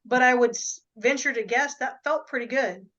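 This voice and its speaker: A woman's voice: high voice, moderate pace, sharp tone, muffled recording. A woman hosting an interview, affirming her guest and reflecting back what she hears. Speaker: interview host. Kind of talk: interview conversation.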